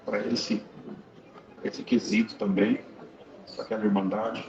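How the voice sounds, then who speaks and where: A man giving a fervent testimony before a congregation, telling a story and breaking into loud praise. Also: fairly low pitch, flat delivery, measured pace, vocal fry, noisy background. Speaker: church member giving a testimony. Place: large church hall, indoors. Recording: echoey church hall, far mic, dull sound, congregation. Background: congregation responding.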